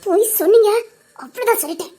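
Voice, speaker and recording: A woman's voice: extremely high pitch, quick pace, dark tone. A woman voicing an anxious but firm young wife who scolds and worries. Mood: scolding.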